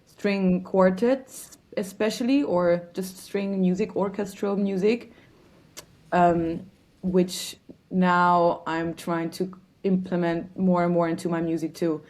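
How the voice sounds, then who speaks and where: Low-voiced woman, reflective. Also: steady tone, takes it slowly, darkish tone. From Germany. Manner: reflective, searches for words with many fillers. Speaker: musician guest. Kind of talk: casual interview answers.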